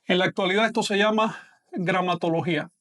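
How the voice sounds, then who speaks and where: A man giving an online language lecture, explaining patiently and slowing down to model pronunciation. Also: sits high, steady tone, fairly bright tone. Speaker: language teacher.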